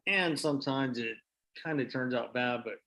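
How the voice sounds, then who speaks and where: Bright-voiced man chatting casually. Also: medium pitch, moderate pace, low-quality recording. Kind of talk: casual chat.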